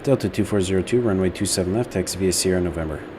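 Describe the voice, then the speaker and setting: A man's voice: low voice, rapid-fire. A man acting as an air traffic controller, rattling off clipped procedural instructions to aircraft. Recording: very noisy, loud airfield sound.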